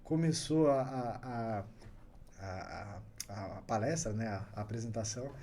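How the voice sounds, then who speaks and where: Animated man telling stories. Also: fairly low pitch, measured pace, slight background noise. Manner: animated anecdote-telling, chuckles often. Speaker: guest entrepreneur. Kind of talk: casual podcast storytelling.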